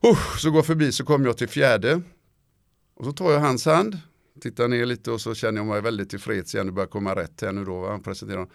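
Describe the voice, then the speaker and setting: A middle-aged man sits down as an interview guest and tells an anecdote in relaxed, lively conversation. His voice has a gravelly grain at a mid pitch, and he keeps checking in with little tags like "right?". The sound is dry and close, with no room echo. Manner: lively storyteller, tags sentences with "va?" and "liksom". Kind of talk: casual anecdotal storytelling.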